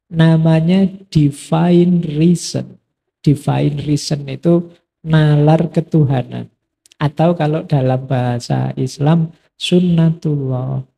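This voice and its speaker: Gravelly, dark-voiced male lecturer. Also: a little high. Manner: relaxed conversational teaching, quoting imagined questions. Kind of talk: philosophy study lecture.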